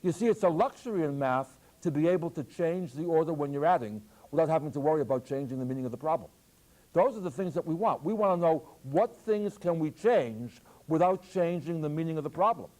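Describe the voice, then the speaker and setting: An older man, a math professor, giving a lively, joking classroom lecture on algebra. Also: a little high, fairly quick. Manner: lively, jokey, plays with voice inflection. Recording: archival taped lecture.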